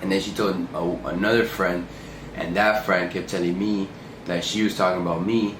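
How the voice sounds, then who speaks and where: A young man from Miami with a very low voice chats to camera in a relaxed, rambling way. The room gives his voice a noticeable echo, with clear noise behind him. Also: normal speed. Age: 20s. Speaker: vlogger. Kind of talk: casual chat to camera. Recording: echoey room with background noise.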